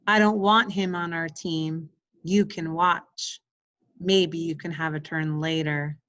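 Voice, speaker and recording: A woman reading a children's story aloud and chatting about it in a measured, reflective way. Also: on the low side. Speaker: story reader, co-host. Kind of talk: reading a picture book aloud, with chat.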